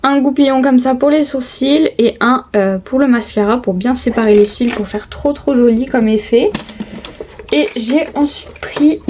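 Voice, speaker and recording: Young woman beauty vlogger, slightly high voice, casual and hesitant, phone-recorded at home. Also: moderate pace, a little mellow. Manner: chatty, lots of hesitations and repeated "trop, trop beau". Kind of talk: casual make-up tutorial chat. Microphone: phone camera.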